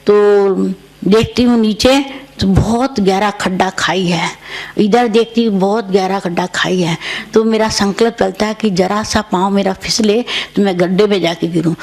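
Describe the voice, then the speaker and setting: An older woman, a senior spiritual teacher, recounting her dreams to a retreat audience in a gentle storytelling way, repeating her phrases as she goes. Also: mid-range voice. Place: retreat centre.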